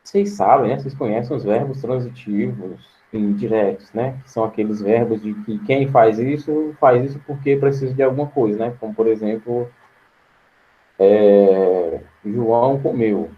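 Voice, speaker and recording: Patient Brazilian male teacher, muffled. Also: fairly low pitch. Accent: Brazilian Portuguese. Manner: patient, explains slowly and repeats words. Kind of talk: online grammar lesson.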